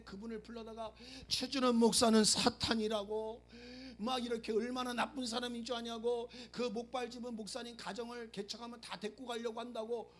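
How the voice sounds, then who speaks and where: A middle-aged male pastor giving a lively sermon, acting out prayers and joking with the congregation. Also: very high voice. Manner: animated, acts out prayers and quotes, jokes with the congregation. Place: church sanctuary.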